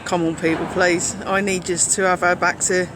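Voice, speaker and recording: A man's voice: sits high, flat delivery, normal speed. A man co-hosting a casual livestream, urging viewers on emphatically and repeating words for stress. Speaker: livestream co-host. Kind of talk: casual live chat urging viewers to share. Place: outdoors on a London street. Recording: outdoor phone stream with street noise.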